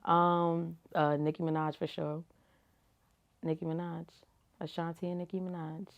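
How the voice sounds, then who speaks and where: A woman's voice: fairly low pitch, little pitch movement, a little slow, vocal fry, lo-fi sound. A young woman giving casual, slangy answers as an interview guest, laid-back and full of "like" and "you feel me". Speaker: rapper and reality TV personality, guest.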